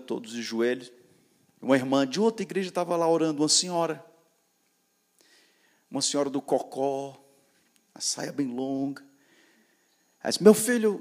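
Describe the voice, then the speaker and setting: Emphatic Brazilian man preaching a sermon. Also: mid-range voice. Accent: Brazilian Portuguese. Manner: emphatic, repetitive call-and-response, swings from loud to soft. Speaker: preacher at a youth gathering.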